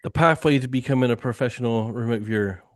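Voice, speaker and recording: The session host, a remote viewing tasker, talks fast in a medium-pitched voice during a casual online Q&A. His speech is loose and full of "you know."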